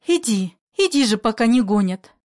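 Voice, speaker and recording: A woman's voice: fairly high pitch, expressive, moderate pace, darkish tone, no room sound, studio quality, lightly acted. A woman voicing a defiant young woman who speaks out in indignant outbursts, in a play reading. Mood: urgent.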